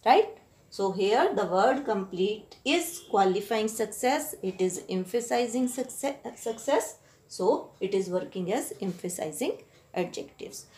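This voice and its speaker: Indian woman teacher, higher voice, patient explainer, keeps checking in with students, roomy echo. Ideal for school lesson reads. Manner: explanatory, frequent "right?" checks, mixes Hindi into English.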